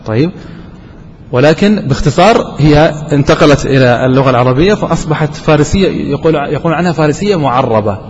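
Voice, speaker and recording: A man's voice: on the high side, expressive, fast, slight background noise. A man teaching a grammar lesson to a class, explaining step by step and often quizzing his students. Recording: dull lo-fi hall recording.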